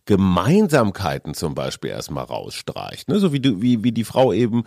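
A man with a fairly low voice in a casual talk-show conversation. He hesitates and gropes for words as he goes. The recording is dry and close. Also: huge pitch swings, moderate pace, gravelly, darkish tone, no echo. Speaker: podcast co-host.

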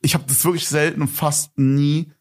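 A man's voice: on the high side, level tone, moderate pace. A young man and podcast host telling a story in a rambling, casual way, full of fillers and slang.

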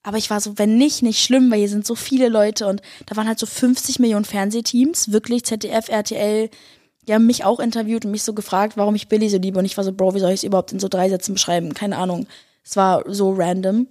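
A young woman, a singer and vlogger, excitedly telling her viewers a story, gushing and breathless, mixing English slang into her German. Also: medium pitch, fast talker, dry recording, clean studio sound.

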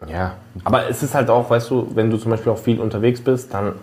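A man's voice: medium pitch, fairly even intonation, fast talker, a little mellow. Laid-back slangy man. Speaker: podcast co-host. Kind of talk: casual chat.

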